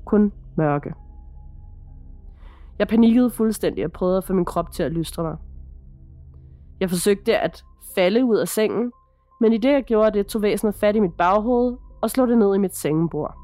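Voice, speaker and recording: A woman's voice: mid-range voice, warm tone, no room sound. Female podcast host, dramatic horror storyteller, mid-range voice, faint music underneath. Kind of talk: scripted first-person horror narration.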